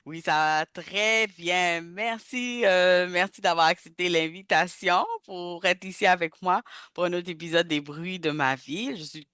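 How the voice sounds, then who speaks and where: A woman hosts a podcast interview, asking her guest questions slowly and warmly with plenty of fillers. Her voice is smooth and resonant, and it sounds close and dry. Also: fairly low pitch, no room sound. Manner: slow, friendly, many fillers. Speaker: podcast host. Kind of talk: casual interview talk.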